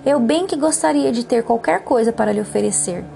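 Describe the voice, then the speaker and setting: A woman's voice: fairly high pitch, lively intonation, fairly quick, creaky. A tender, giving storybook tree, as a woman reads her. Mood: apologetic. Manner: tender, soft-spoken, pleading. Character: gentle, giving female tree who loves a boy.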